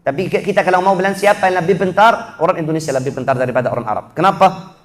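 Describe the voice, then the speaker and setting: High-voiced man teaching recitation. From Egypt. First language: Arabic. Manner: drills sounds slowly, contrasting wrong and right, chanted recitation examples. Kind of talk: Quran recitation lesson. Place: mosque.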